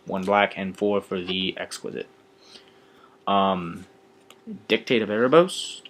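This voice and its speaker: A young man with a fairly low voice walks through a card game deck in a halting, offhand way. He sounds a little bored and fills his pauses with ums. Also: a bit bright. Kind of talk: casual deck explanation.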